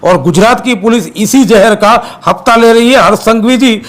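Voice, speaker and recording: A man from Gujarat, an activist guest, speaking forcefully and accusingly in a heated interview, repeating his points. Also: sits high, normal speed.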